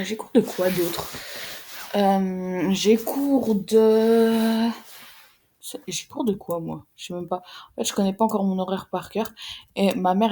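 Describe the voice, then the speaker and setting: A teenage girl chats casually to her viewers. She talks fast and rambles, slangy and quick to swear. Her voice is warm and mellow. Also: medium pitch, breathy edge. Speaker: vlogger, secondary school student. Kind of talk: casual chat to camera.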